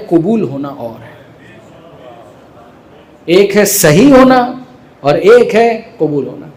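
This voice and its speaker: A man's voice: high-pitched, darkish tone. A man with a Pakistani Urdu accent giving a sermon in a mosque hall, posing rhetorical questions and using everyday examples. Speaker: Shia cleric giving a majlis sermon.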